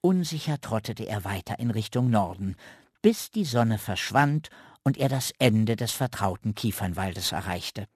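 Man reading a children's radio story, slow, lively intonation, dry close sound. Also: lowish voice, slightly rough, no room sound.

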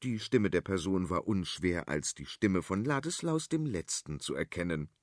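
A man narrating a storybook in a playful, expressive way. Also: low-pitched, normal speed, dry recording, studio quality.

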